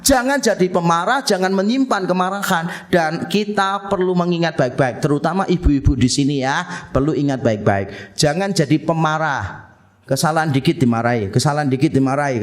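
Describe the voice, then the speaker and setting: High-voiced male pastor, lively humorous sermon with acted-out quotes. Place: church.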